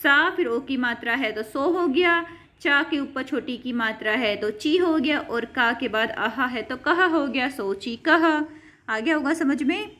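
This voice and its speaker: High-voiced woman teaching Sanskrit to kids. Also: measured pace, pushed and bright. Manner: patient, repeats words and calls students beta. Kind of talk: Sanskrit lesson for children.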